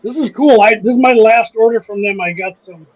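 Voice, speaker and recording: A man's voice: high voice, a little fast, lo-fi sound. A man with a Midwestern accent hosting a casual livestream chat, rambling, restarting sentences and laughing easily. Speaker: host of a model railroad channel.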